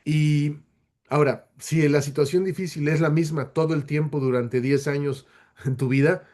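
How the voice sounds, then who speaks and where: A man's voice: on the high side, steady tone, normal speed, darkish tone. A man speaking as a webinar guest, answering audience questions in an explanatory way and often tossing in rhetorical questions.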